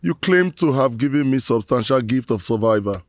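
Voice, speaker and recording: A man's voice: medium pitch, lively intonation, moderate pace, dry recording, clean studio sound, close to an everyday voice. A man playing a remorseful middle-aged man who solemnly pleads with his ancestors in proverb-laden prayer.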